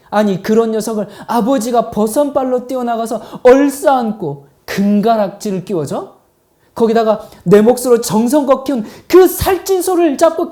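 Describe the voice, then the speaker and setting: A man preaching who acts out an indignant grown older son, shouting his protests at his father. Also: very high-pitched.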